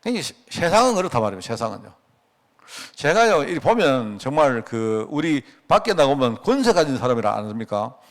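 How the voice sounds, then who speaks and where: A man's voice: mid-range voice, big pitch swings, normal speed. A middle-aged male pastor giving a conversational sermon at a prayer meeting, asking the congregation rhetorical questions and telling anecdotes. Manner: acts out quoted dialogue.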